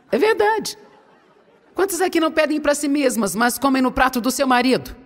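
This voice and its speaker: A woman with a Brazilian Portuguese accent preaching to an audience in a large hall, playful and animated as she tells stories. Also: sits high. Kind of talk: sermon, humorous storytelling. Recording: long hall reverb.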